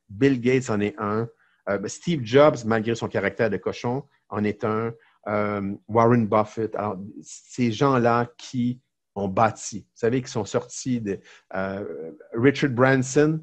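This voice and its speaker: A middle-aged lawyer and entrepreneur from Quebec, Canada, speaks with a Québécois French accent in a lowish voice. He's a podcast guest in a casual interview, telling lively stories full of fillers and restarts.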